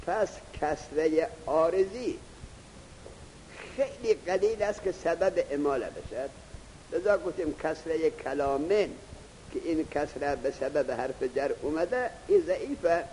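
A man teaching grammar in a classroom lecture, reading Arabic text slowly, then explaining it in Persian and putting questions to his students. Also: on the high side, expressive, a little mellow, long reverb tail, slight background noise, rough recording.

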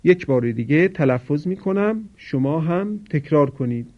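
A man teaching Quran recitation in a formal broadcast lesson. He explains each rule slowly, carefully and politely, and repeats it. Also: fairly high pitch, expressive, dull audio.

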